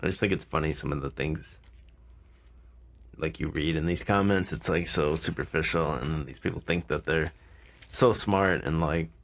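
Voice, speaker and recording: Low-pitched man with vocal fry. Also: moderate pace. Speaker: podcast co-host. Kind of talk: casual opinionated discussion.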